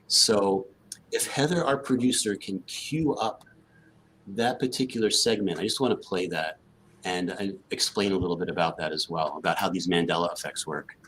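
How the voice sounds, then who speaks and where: A man's voice: low voice, normal speed, fairly bright tone, slight background noise, low-quality recording. A man hosting a live stream, talking loosely and conversationally and filling his speech with "like". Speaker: host. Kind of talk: casual live-stream talk.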